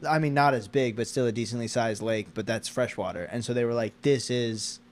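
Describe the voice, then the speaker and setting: An American man chatting casually and haltingly, searching for words and restarting as he rambles. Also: mid-range voice, a little hiss or hum.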